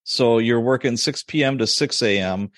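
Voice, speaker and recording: A man's voice: medium pitch, moderate pace, a bit bright, dry recording, clean studio sound. A man in his forties hosting a podcast, chatting casually and laughing often as he tells stories. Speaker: podcast host. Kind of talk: casual interview chat.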